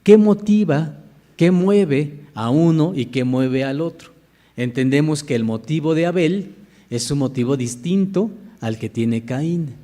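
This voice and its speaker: Mellow-voiced man preaching a sermon. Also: a little high, animated, measured pace. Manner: preaching with questions to the congregation. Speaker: minister. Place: church.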